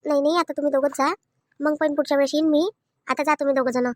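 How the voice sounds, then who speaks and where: A woman voicing a sensible sister-in-law in a cartoon family drama who calms and advises, speaking. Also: sits high, fast talker, no room sound, studio quality, natural voice. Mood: advising. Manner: soothing, advising.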